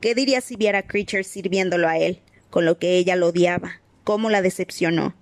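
A woman's voice: lowish voice, brisk, dry recording, lightly acted. Creature, a woman voicing a bitter old house-elf. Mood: bitter muttering. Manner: muttering, resentful, talks of himself in third person.

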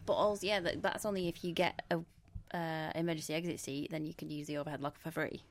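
Dry, teasing low-voiced woman. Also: fairly even intonation, quick pace. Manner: dry, teasing, matter-of-fact. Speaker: podcast co-host. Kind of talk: casual chat.

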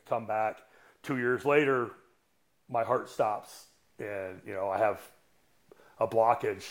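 A man in his sixties, a coach guesting on a podcast, tells a story in a casual, blunt way, swearing often and pausing on fillers. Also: on the low side. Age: 60s. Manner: blunt and profane, halting with fillers.

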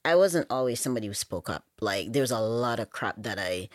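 Guest, Jamaican woman, thirties, very deep voice, dry close sound, frank and emphatic. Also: expressive, fairly quick, no room sound. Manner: frank, emphatic, with many "you know" fillers. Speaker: podcast guest. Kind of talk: casual interview chat.

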